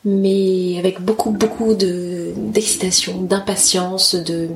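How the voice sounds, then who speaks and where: A woman's voice: fairly low pitch, fairly even intonation, takes it slowly, crowd noise. A woman of about thirty hosting a casual solo podcast, speaking candidly with slangy, self-deprecating asides and often searching for words. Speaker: podcast host, photographer.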